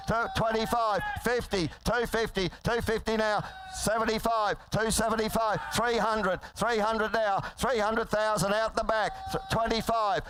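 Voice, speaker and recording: A male livestock auctioneer with a high, clean voice. He chants bids urgently and repetitively, rolling numbers into a rapid-fire sales patter. The sound is dry and close. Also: fairly bright tone, clean tone, no room sound, poor audio. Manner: repetitive, urgent bid calling. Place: live yearling sale.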